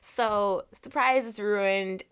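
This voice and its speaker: A woman's voice: mid-range voice, slow pace, fairly bright tone, clean tone. A woman co-hosting a casual chat, telling a dating story candidly, with lots of "like" and casual swearing. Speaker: podcast co-host.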